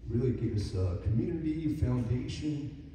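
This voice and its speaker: A man's voice: medium pitch, lively intonation, normal speed, dark tone. A man in his forties giving a hesitant speech at a dedication, with a voice cracking from emotion and many fillers. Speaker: guest speaker at a dedication. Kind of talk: halting personal speech. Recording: echoey hall, mic far off, noisy.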